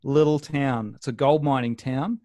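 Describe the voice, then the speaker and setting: Australian man, interview guest, rambling casual talk, ums and restarts, dry sound, mid pitch. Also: fairly even intonation, normal speed, a little mellow, dry recording. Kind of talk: casual video call interview.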